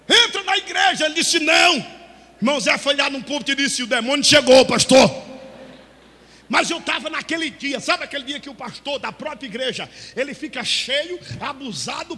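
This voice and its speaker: A man preaching as a Pentecostal pastor, shouting and acting out the voices in his story, breaking into tongues. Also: very high-pitched. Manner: shouting, dramatic, acts out dialogue, speaks in tongues. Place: church hall. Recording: church hall with long reverb.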